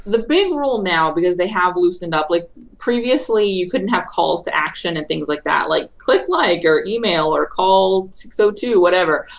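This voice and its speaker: A woman guest on a podcast explaining social media marketing in a brisk, chatty way that tends to ramble. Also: on the low side, expressive, creaky, poor audio. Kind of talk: casual interview chat.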